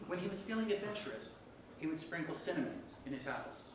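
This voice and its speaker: A live comedic fairytale performance: scripted narration, delivered theatrically, peppered with laughter and asides to the audience. The mid-range voice is animated and quick, and the echoey room is picked up on a distant mic alongside background noise.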